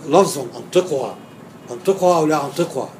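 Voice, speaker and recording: Egyptian-accented male grammar teacher, slightly high voice, questions the class, faint room hiss. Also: rapid-fire. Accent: Egyptian Arabic. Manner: quizzing students, repeating and stressing key words. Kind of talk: classroom lecture with questions to students.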